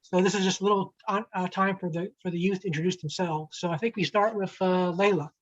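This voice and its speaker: A woman's voice: lowish voice, fairly even intonation, fast. A woman moderating a youth livestream over a video call, talking casually with many fillers and restarts. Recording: slightly dull lo-fi audio.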